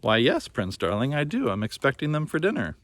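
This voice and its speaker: A man's voice: mid-range voice, huge pitch swings, brisk, a bit bright, no room sound, voice pushed up. A man voicing a sly, hungry witch who coos endearments in a storybook tale. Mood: sly, sugary. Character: sly, sugary, hungry gingerbread-house witch. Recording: noticeable background noise.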